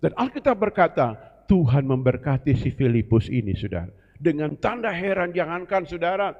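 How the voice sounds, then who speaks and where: A man's voice: on the high side, very animated, moderate pace, darkish tone. A male pastor preaching a sermon, exhorting the congregation and calling on them to answer amen. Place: church. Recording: dull sound in a reverberant church hall.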